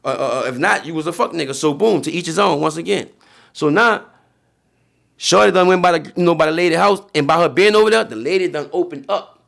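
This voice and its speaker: A man's voice: on the high side, gravelly, fairly bright tone. A young man with a New Orleans accent, telling a story in casual streetwise slang on a podcast. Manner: streetwise slang, frequent "you feel me". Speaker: podcast guest.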